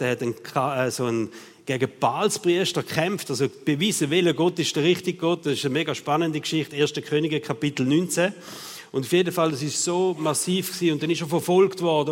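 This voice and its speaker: Swiss German man preaching in a reverberant hall. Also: fairly high pitch. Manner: conversational preaching with frequent "oder?" tag questions. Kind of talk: sermon.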